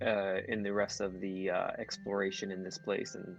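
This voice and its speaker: A man's voice: deep voice, flat delivery, normal speed, gravelly, soft background music, rough recording. A man playing a tabletop game, talking hesitantly with many fillers. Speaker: player.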